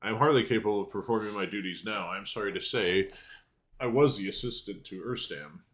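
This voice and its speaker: Man voicing a deep, cheerful talking severed head. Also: a little fast, a bit bright, reverberant, close to an everyday voice. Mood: chatty, pleased. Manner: archaic, polite, unbothered speech. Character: cheerful, talkative severed head of a male assistant. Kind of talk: game dialogue read aloud.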